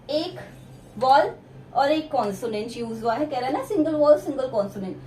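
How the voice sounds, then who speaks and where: A woman's voice: sits high, darkish tone, reverberant, a little hiss or hum. A woman teaching English grammar for exam preparation, explaining step by step and asking the class questions as she goes. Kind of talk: exam-prep lesson.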